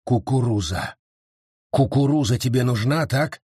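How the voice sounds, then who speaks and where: A man's voice: mid-range voice, unhurried, dark tone, slightly rough, no room sound, studio quality. A man voicing a wild, commanding male forest beast spirit, urgent and insistent. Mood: coaxing. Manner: urgent, insistent, bellowing orders.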